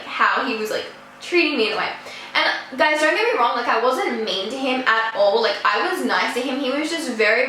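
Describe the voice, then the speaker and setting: A teenage girl telling a casual storytime vlog in a chatty, animated way, swearing now and then. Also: high voice, a little hiss or hum. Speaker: vlogger. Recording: echoey room.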